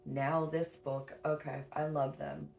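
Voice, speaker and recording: A woman's voice: deep voice, flat delivery, slow pace, vocal fry, a little mellow, roomy sound. A woman giving a tarot reading in a casual, rambling way, full of fillers and restarts. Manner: rambling, filler-heavy, self-correcting. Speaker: tarot reader. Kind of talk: casual spiritual reading monologue.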